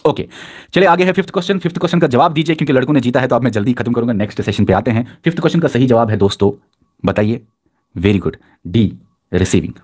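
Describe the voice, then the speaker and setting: A fast-talking man with a husky, medium-pitched voice hosts an online quiz lesson in real time. Full of energy, he reads student responses aloud and keeps encouraging them with repeated compliments.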